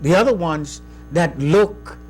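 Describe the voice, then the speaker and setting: A man hosting an interview, asking questions in a measured way with hesitant fillers. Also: a little high, expressive, soft background music. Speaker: talk show host. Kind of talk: conversational interview.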